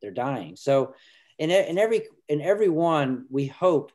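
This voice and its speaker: A man's voice: fairly high pitch, sing-song, a little mellow. A middle-aged man, a filmmaker guest, talking earnestly from home on a video call, often restarting his sentences. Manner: earnest, halting, many restarts. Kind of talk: casual video call discussion. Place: home room indoors. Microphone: video call webcam.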